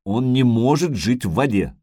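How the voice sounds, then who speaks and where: A man's voice: medium pitch, animated, normal speed, warm tone, no echo, clean studio sound, natural voice. A man playing Geralt, a stern, weary witcher who talks in a terse, patient way.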